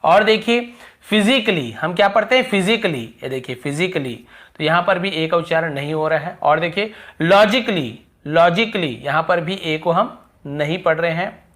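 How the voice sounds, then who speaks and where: A male teacher giving a video lesson, explaining step by step, repeating example words slowly and asking rhetorical questions. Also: fairly high pitch, fairly bright tone. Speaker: English teacher. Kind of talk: classroom-style video lesson.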